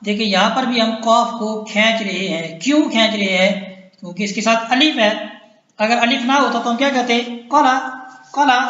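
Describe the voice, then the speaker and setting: A man's voice: high-pitched, pushed and bright. A man teaching Quran letter reading, patiently repeating and chanting syllables, asking and then answering his own questions. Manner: draws out and chants vowel syllables. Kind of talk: slow recitation lesson. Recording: dull echoey room recording.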